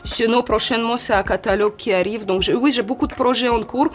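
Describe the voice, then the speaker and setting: A woman in her forties from Ukraine with a Ukrainian accent, a model answering interview questions in a halting way, often restarting. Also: fairly high pitch. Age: 40s. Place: photo studio.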